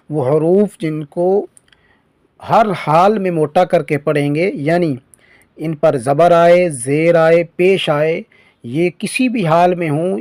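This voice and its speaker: A man teaching a beginner lesson, sounding out letters slowly and stretching them, then explaining in short phrases. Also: a little high, no echo. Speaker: Quran reading teacher.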